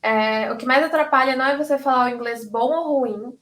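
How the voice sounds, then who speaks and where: A woman's voice: high voice, a little fast, a bit bright, soft background music. A young woman from Brazil giving career advice on a panel, chatty and full of "sabe?" and "tipo".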